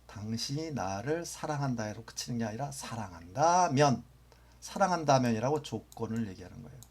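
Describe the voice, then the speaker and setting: A man's voice: medium pitch, animated, moderate pace, husky. A man teaching English grammar in a lecture, patiently repeating phrases and sometimes dropping almost to a whisper for example sentences.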